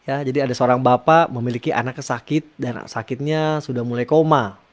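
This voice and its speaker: A man's voice: mid-range voice, steady tone, brisk. A male preacher who reads scripture and preaches earnestly, often turning to address his listeners directly. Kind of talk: sermon with scripture reading.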